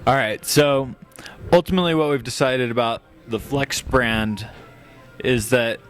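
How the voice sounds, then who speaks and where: A man's voice: medium pitch, steady tone, unhurried, soft background music. A man hosting a casual podcast, steering the talk with a dry manner.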